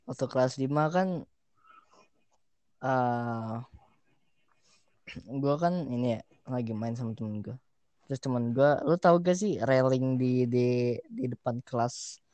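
A man's voice: medium pitch, measured pace, pauses often, a little mellow, no echo. A young man, telling a school story in casual chat. He laughs through it and swears casually.

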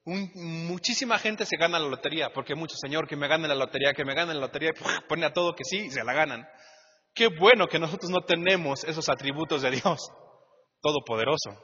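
A man with a Mexican Spanish accent preaching a lively, conversational sermon as pastor, asking the congregation rhetorical questions. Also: on the high side, slightly rough. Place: church hall. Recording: muffled church hall recording with long reverb.

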